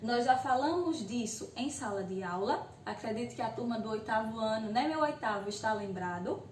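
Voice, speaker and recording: A woman's voice: on the high side, animated, moderate pace, a little hiss or hum. A woman teacher with a Brazilian accent gives a recorded video lesson to eighth graders. She explains patiently, often checks in with "ok?", and voices her students' questions herself. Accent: Brazilian Portuguese. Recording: echoey room, voice a bit far from the mic.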